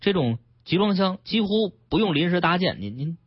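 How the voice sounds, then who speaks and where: Guy hosting radio, bouncy pitch, bit husky, dry dull studio sound. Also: very animated, normal speed, dry recording. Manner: chatty, teasing banter. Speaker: radio host. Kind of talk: casual radio chat. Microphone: studio mic.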